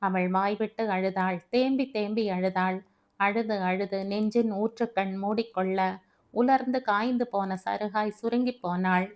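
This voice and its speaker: A woman's voice: mid-range voice, fairly even intonation, measured pace, a little mellow. Woman narrating an emotional family story.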